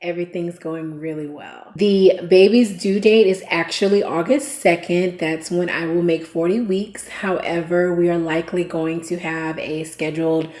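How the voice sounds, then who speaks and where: A young adult woman speaking as a vlogger, talking to camera in an earnest, measured way. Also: on the low side, fairly even intonation, a little mellow. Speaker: vlogger sharing family news. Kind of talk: casual chat to camera. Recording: roomy echo.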